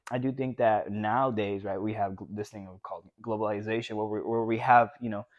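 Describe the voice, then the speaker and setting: A man's voice: on the low side, fairly even intonation, fairly quick, dry recording, muffled recording. A man from Mexico co-hosting a casual talk show, rambling and tagging his points with "right?". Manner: rambling, leans on "you know" and tag questions. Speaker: podcast co-host. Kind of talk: casual chat.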